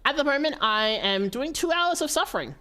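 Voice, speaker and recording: A woman's voice: sits high, a little fast. Playfully dramatic woman livestreamer. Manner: animated, playfully dramatic, exclaiming and pleading. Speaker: livestreamer hosting a game stream. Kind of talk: casual livestream chat with viewers.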